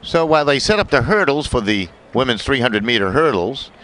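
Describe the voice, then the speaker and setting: A man's voice: medium pitch, sing-song, a little fast, a bit bright, low-quality recording. A man giving live sports commentary as the announcer of a track and field broadcast. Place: outdoor stadium. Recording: faint background noise outdoors. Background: faint outdoor noise.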